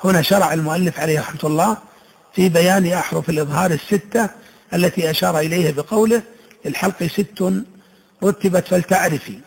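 A man teaching Quran recitation rules, explaining slowly and reciting each example word in a drawn-out way. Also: high-pitched, creaky, breathy edge, rough recording.

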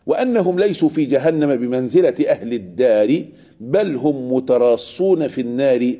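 A man's voice: medium pitch, lively intonation, fairly quick, warm tone. A man with an Egyptian Arabic accent teaching a lesson on Quranic verses, often asking the class a question and answering it himself. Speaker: religious teacher.

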